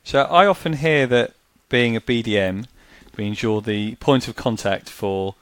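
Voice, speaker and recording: A man co-hosting a podcast and asking the guest steady, methodical questions. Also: mid-range voice, unhurried, clear, resonant tone, no room sound. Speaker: podcast co-host, financial planner. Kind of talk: interview questions.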